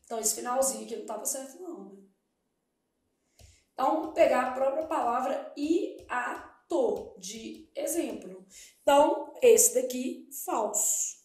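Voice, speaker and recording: In an echoey room, a woman from Brazil with a high, darkish voice and lively intonation teaches Portuguese for an exam at normal speed. She explains by posing questions and answering them herself.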